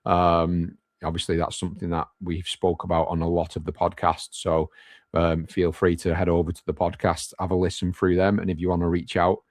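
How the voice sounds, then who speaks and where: A man's voice: deep voice, monotone, a little fast, no echo, clean studio sound. A man co-hosting a live business Q&A, talking casually and bluntly with the odd swear word. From United Kingdom. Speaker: podcast co-host.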